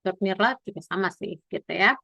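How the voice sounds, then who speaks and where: A woman's voice: medium pitch, a little fast, creaky, pushed and bright, no echo. Woman teaching a class over video call. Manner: explains patiently, mixing in English and quizzing students. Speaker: German teacher. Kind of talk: online language class.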